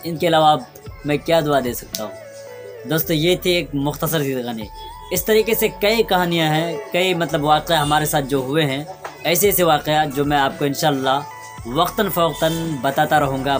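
A young man earnestly recounting a personal memory, reflective, pausing and restarting as he talks. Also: fairly high pitch. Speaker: storyteller vlogger. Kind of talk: personal storytelling vlog. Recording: sad background music underneath.

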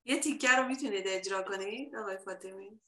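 Bright-voiced woman host, echoey room. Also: medium pitch. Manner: polite, encouraging, laughs often. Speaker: interview host. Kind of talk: interview questions.

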